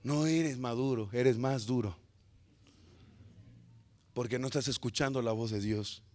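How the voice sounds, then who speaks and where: A man pastor preaching a sermon, telling a story with humor and swinging between loud and hushed delivery. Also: mid-range voice, unhurried.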